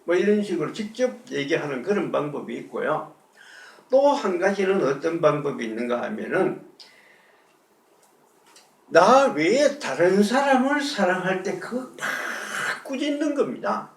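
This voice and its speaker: A man's voice: high voice, big pitch swings, a little slow, gravelly, far from the mic. Preaching man in an echoey church. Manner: conversational preaching with rhetorical questions. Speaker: pastor. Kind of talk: sermon. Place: church sanctuary.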